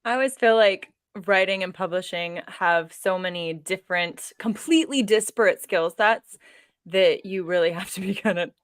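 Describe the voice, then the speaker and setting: A woman's voice: medium pitch, moderate pace, clear, resonant tone, no room sound. Chatty woman hosting, close dry sound. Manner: chatty, laughs easily while talking. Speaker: livestream host and fellow author. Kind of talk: casual interview chat.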